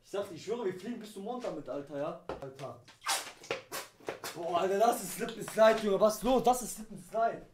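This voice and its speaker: Brief: excitable high-voiced man, lively stream banter, noisy echoey room. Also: a little fast. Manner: excited, exasperated, shouting back. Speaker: streamer co-host. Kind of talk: boisterous live-stream banter. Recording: roomy, distant mic, background noise.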